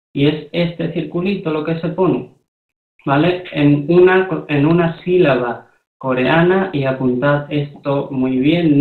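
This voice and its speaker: Guy teaching a class real slow, keeps asking if everyone's got it, sounds thin like over a phone. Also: on the high side. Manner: explains step by step, often checks with "¿vale?" and "¿de acuerdo?". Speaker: Korean language teacher. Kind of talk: slow, patient classroom explanation. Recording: echoey room over a thin phone-like line.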